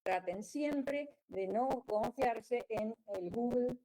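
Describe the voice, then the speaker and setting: A woman's voice: a little high, slow pace, mellow, rough recording. A woman giving a conference lecture as a geologist, explaining in a wry way with frequent restarts. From Argentina.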